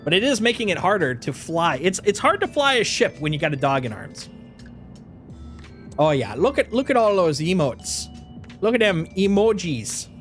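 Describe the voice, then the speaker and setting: At a moderate pace and a high pitch, a man streaming games from Wisconsin banters casually with viewers in an exaggerated Upper Midwest accent. His voice is a bit nasal, his manner lively and jokey, full of laughter and folksy exclamations laid on thick, all over faint background music.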